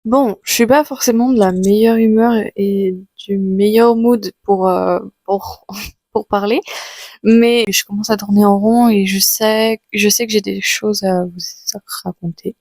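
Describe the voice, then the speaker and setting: A young French woman with an Auvergne accent talks through her day in a loose vlog style. Her voice is breathy and husky and full of fillers and restarts. The recording is dry and close, with no room sound. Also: medium pitch, fairly even intonation, a little slow, a little mellow, no echo. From France. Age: 20s. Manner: chatty, frequent fillers and restarts. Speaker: vlogger. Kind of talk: casual vlog chat.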